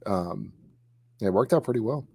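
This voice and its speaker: A man's voice: fairly low pitch, expressive, moderate pace, a little mellow, slightly rough. A man telling a story in a casual chat, with many fillers and restarts. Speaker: co-host recalling high school kicking.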